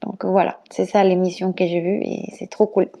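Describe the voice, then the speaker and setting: On a casual voice-chat podcast, a woman from Mexico speaks with a Spanish accent in a lowish, mellow voice with flat delivery and moderate pace. Her home microphone cuts off the highs, and she laughs often between many hesitations.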